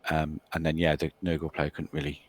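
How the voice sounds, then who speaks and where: A man's voice: rumbling low, monotone, a little fast. A man casually recapping his tabletop game matches, talking hesitantly with many restarts. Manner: hesitant, restarts sentences, trails off. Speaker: Blood Bowl player recapping his games. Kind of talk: casual chat over game replay.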